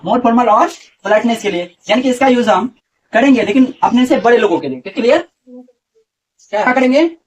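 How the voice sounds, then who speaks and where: A man's voice: very high-pitched, lively intonation, moderate pace, breathy edge, distant mic. A man teaching a grammar lesson to a class, often asking questions and repeating the answers.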